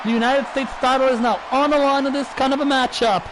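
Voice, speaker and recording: Male wrestling commentator, very high-pitched, dramatic and shouting, on a noisy recording with a loud crowd. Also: fairly even intonation, fast. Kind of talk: excited wrestling play-by-play commentary.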